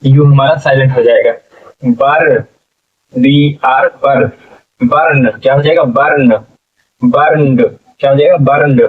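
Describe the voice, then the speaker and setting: A man's voice: medium pitch, steady tone, unhurried, far from the mic, phone-quality sound. A man teaching English reading to learners, spelling words out letter by letter and often checking in with "ठीक है". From India. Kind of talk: slow spelling-out classroom lesson.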